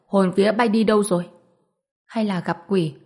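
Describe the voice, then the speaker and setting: A woman narrator voicing a grumbling old husband in a storybook reading, speaking quietly and gruffly. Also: mid-range voice, steady tone, normal speed, lightly acted.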